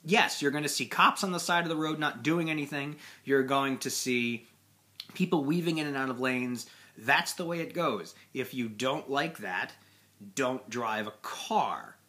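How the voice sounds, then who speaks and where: A man's voice: mid-range voice, unhurried, bright, forceful tone. A young American man delivering an exasperated, conversational stand-up style rant, recorded in a small room at about arm's length from the device. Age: young adult. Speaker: amateur comedian. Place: small plain indoor room.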